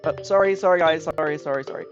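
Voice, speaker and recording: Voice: mid-range voice, quick pace. Chatty apologetic game streamer. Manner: chatty, apologetic asides to viewers. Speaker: let's play streamer. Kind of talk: casual game commentary with read-aloud dialogue. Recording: slightly dull lo-fi mic. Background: game music.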